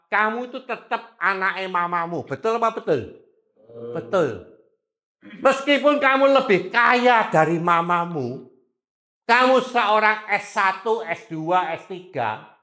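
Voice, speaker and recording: A man's voice: sits high, bright, forceful tone. A man preaching a sermon to teenagers, calling out questions for the audience to answer. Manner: calls out to the audience, asks for replies. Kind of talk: lively church sermon to youth.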